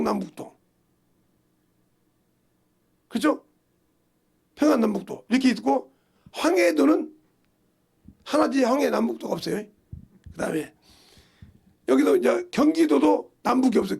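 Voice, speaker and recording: A man's voice: very high voice, creaky, darkish tone, slightly rough. A man pastor preaching a sermon in a folksy storytelling way, asking the congregation questions as he goes. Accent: Korean.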